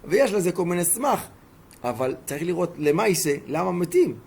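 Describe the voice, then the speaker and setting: A man's voice: sits high, very animated, gravelly, a little mellow, breathy edge. A man teaching a Torah lesson as a rabbi, telling stories emphatically and throwing rhetorical questions at his listeners.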